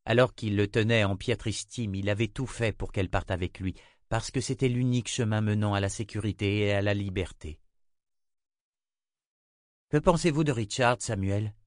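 Deep-voiced man reading an audiobook. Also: fairly even intonation, fairly quick, no room sound, clean studio sound. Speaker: audiobook reader. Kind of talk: scripted fantasy narration.

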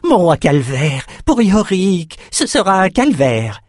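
A shrill, unhinged seer squeaks and mutters with gloating menace, as a man reading an audiobook puts him on. His voice sits high and leaps wildly up and down. The sound is dry and close. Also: sing-song, slow pace, a little mellow, no room sound, heavily acted. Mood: manic. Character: shrill, unhinged male seer of a warrior king.

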